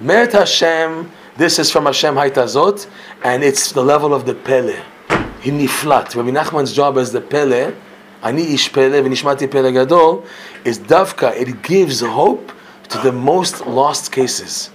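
Animated man teaching a Torah class. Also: unhurried, slight background noise. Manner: animated, swings between loud emphasis and low quiet asides; sprinkles Hebrew and Yiddish terms, self-corrects mid-sentence. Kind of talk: storytelling religious lecture.

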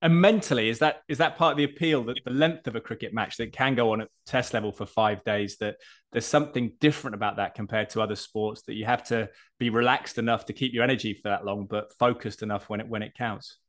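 A man's voice: medium pitch, quick pace. A man interviewing a guest, asking long, rambling questions with restarts.

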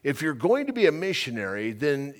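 A middle-aged man, a pastor, preaching a sermon in an emphatic, animated way and often repeating phrases for stress. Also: a little high, a little fast.

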